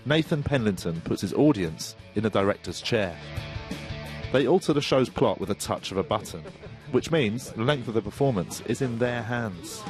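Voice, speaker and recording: A man's voice: fairly low pitch, lively intonation, normal speed, faint music behind. A man reporting on comedy in scripted narration, with a wry, self-mocking manner. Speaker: technology reporter.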